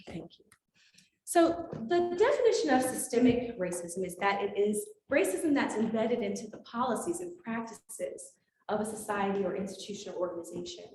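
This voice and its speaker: A woman physician giving a talk to a live audience, telling her story with animated, acted-out dialogue. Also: medium pitch. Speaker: physician speaker. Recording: echoey room with faint noise.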